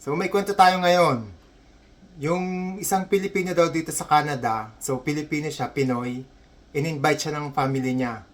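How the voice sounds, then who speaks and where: A man telling a comedy story in a casual, chatty way, repeating himself and dropping his voice low for asides. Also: normal speed. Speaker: comedy joke teller.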